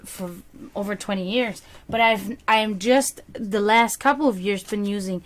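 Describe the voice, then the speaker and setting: With a medium-pitched, fairly bright voice, this woman, a native German speaker, hosts a relaxed livestream as a psychic card reader. She wanders from topic to topic, reading out viewer comments and responding to them.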